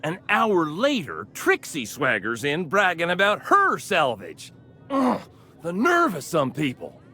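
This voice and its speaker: An actor playing a brash, hotheaded male salvage scavenger in a game, loud, whiny and boastful. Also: on the high side, huge pitch swings, a little slow, slight background noise, exaggerated voice. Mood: aggrieved. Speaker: game character.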